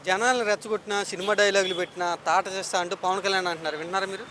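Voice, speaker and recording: A man's voice: high-pitched, fairly even intonation, racing, background noise. A male reporter on a city street, relaying quotes to passersby to prompt their reactions. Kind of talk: vox pop interviewing.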